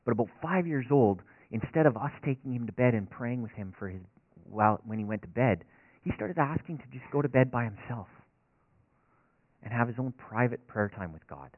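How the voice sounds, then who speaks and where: A man's voice: medium pitch, lively intonation, a little fast, dry recording. A man, a racetrack chaplain telling an earnest, folksy, self-deprecating story as a sermon. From northern Alberta. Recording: dry, tinny phone-like sound.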